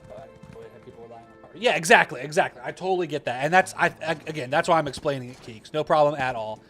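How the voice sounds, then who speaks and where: A male gaming streamer with a fairly high voice talks casually into his mic and rambles through answers to chat. Game music plays clearly behind him. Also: rapid-fire, pushed and bright. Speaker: gaming livestream host.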